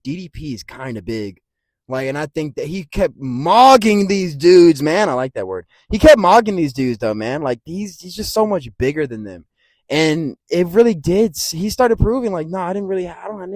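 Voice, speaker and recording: A man hosting a casual fight-prediction rant, rambling and swearing freely, with big jumps in loudness. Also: fairly high pitch, animated, normal speed, dry recording, clean studio sound. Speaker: MMA commentary channel host.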